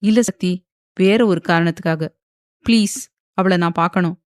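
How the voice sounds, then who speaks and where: A woman's voice: fairly low pitch, moderate pace, clear, resonant tone, no echo, natural voice. Woman playing a pleading young man, hospital bed, audiobook, dry close sound. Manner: pleading, soft.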